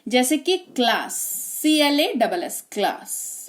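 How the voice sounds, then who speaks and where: High-voiced Indian woman teaching spelling. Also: very animated, takes it slowly. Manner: chatty teacher, checks in often with tag questions. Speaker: English teacher. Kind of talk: spelling lesson explaining rules.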